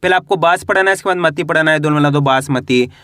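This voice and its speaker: A man teaching a beginners' Hindi reading lesson, spelling words slowly syllable by syllable and asking the class to repeat. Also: fairly high pitch, pushed and bright, clear, resonant tone, dry recording, clean studio sound. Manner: addresses viewers as friends.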